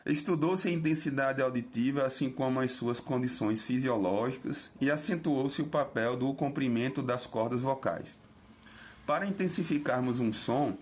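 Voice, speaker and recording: A man reading a linguistics lecture aloud in a measured way, stressing the words of example phrases. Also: mid-range voice. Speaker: reader of a linguistics text.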